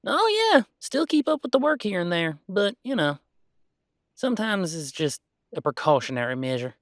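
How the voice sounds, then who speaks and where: A man voicing a chatty, folksy, excitable underground computer technician in an audio role-play, rambling along in an animated way. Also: fairly high pitch, unhurried, no echo, studio quality. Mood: chatty, eager.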